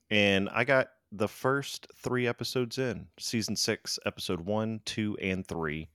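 An American man with a low voice chats on a podcast in an animated, emphatic way. The recording is dry and close to the mic. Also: dry recording. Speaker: podcast co-host. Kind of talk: casual chat.

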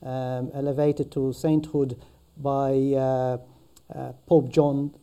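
Maltese accent guy, really mellow dark voice, podcast guest reminiscing, repeats himself and stops and starts. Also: mid-range voice, level tone, clear, resonant tone. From Malta. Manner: halting, repeats words and phrases. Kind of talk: conversational personal recollection.

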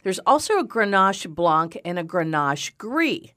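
A woman's voice: lowish voice, very animated, measured pace, no room sound, studio quality. A woman co-hosting a casual wine podcast, speaking in an enthusiastic, conversational way. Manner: enthusiastic, warm-hearted, conversational. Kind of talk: casual chat.

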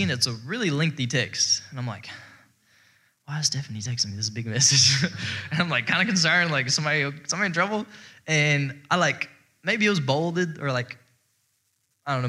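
A man's voice: mid-range voice, sharp tone. A young man sharing a rambling, heartfelt testimony to a church audience, full of fillers. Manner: rambling and heartfelt, heavy with fillers, breaks into laughter. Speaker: church speaker giving testimony. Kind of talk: personal testimony to a congregation.

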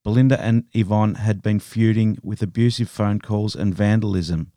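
A man hosting a podcast, narrating a true crime story in a steady, measured way. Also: on the low side, no echo, studio quality. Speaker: podcast host.

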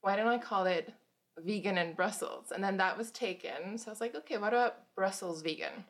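A woman's voice: mid-range voice, fairly quick. A woman in her thirties from Germany, a guest author casually telling stories about her life and laughing between anecdotes. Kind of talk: casual storytelling.

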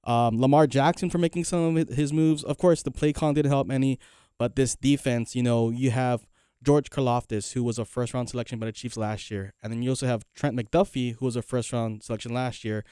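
A man co-hosts a sports talk show with a smooth, resonant, mellow voice, laying out his analysis at a steady, measured clip. The sound is dry and close, with no room around it. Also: mid-range voice, no room sound. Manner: steady, measured analysis with many "you know" fillers.

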